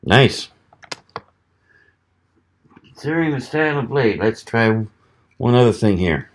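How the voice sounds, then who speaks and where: A man from the American South, reviewing a knife on camera in a relaxed, folksy way, thinking aloud while he cuts. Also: medium pitch, a little slow. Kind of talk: casual product test vlog.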